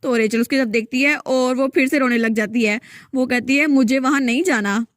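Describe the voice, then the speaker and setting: Woman, storyteller, comic recap, lively, high pitch, dry close sound. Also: normal speed, dry recording.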